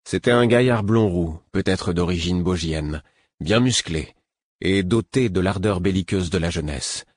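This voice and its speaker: A male audiobook narrator reads a novel in measured, even first person. His voice sits very low and has a husky edge. The recording is dry and close, with no room sound. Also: no room sound.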